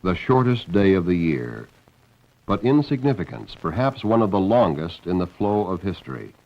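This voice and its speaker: A man delivers scripted documentary narration in a fairly deep voice. The soundtrack is slightly muffled, like an old film. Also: big pitch swings, moderate pace, a little hiss or hum. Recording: dull band-limited old film soundtrack.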